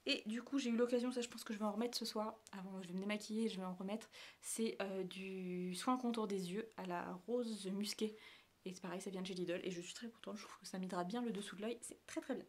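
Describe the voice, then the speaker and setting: A woman's voice: medium pitch, fairly even intonation, fast, darkish tone. A woman, chatting casually as a beauty vlogger. Her talk rambles, with many fillers and self-corrections, and she often drops to a near-whisper. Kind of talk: casual chat showing her travel makeup bag.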